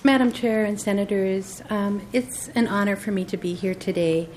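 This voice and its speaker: A woman's voice: medium pitch, normal speed, background noise. An older woman from Minnesota giving earnest, folksy testimony before a committee. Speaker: board appointee. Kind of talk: formal testimony.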